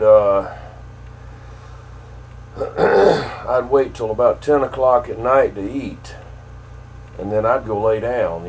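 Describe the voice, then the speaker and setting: A man's voice: mid-range voice, rough recording. A man in his fifties or older chatting casually as a radio operator, rambling in a folksy way with radio slang. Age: 50s or older. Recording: clear background hum and noise.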